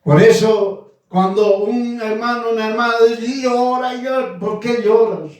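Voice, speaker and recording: A man in his nineties preaching a sermon, slow and emphatic, repeating his phrases. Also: high-pitched, fairly even intonation, darkish tone. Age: 90s. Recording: echoey room from far off.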